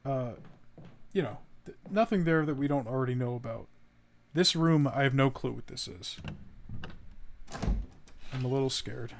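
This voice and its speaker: A man's voice: medium pitch, moderate pace, gravelly, pauses often, slight background noise. A man streaming a horror game, commenting casually, swearing when startled and reading in-game notes aloud. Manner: jumpy, swears when startled, laughs at grim text.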